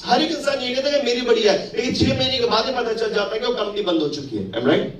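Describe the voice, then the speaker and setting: At a network marketing event, a fast-talking man in his forties delivers motivation in a very high voice with lively intonation and an Indian English accent. He hops between Hindi and English mid-sentence and keeps asking the audience rhetorical questions, picked up from a distance in an echoey hall.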